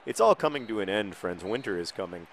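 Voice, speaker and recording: A man hosting a casual gaming video, answering viewer questions in a rambling, self-deprecating way while now and then shouting at the match he is playing. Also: on the low side, expressive, fast, slight background noise. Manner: rambling, self-deprecating, dry jokes, sudden shouts at the game.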